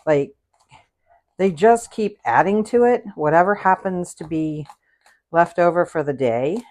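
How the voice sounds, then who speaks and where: A woman's voice: lowish voice, measured pace, a little mellow. A middle-aged woman hosting a live cooking stream from her home kitchen, chatting casually and greeting viewers by name. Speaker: cooking show host.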